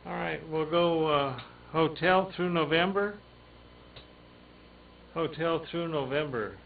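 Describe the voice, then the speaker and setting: Halting ham radio host through tinny, static-flecked radio audio. A man runs an amateur radio check-in net at an unhurried, rather high pitch. He pauses often and fills gaps with "uh.". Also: vocal fry, far from the mic. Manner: halting, with many fillers.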